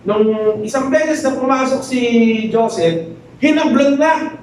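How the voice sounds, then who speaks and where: A man preaching a sermon as a pastor, telling a story in an animated, joking way and acting out the people in it. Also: very high voice, takes it slowly, background noise. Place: church hall. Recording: very echoey hall, distant mic.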